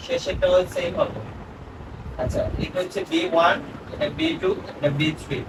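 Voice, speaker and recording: A man's voice: high-pitched, huge pitch swings, moderate pace. A man teaching a spoken grammar lesson, asking his student questions and repeating the answers. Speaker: English teacher. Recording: echoey room from far off, noisy.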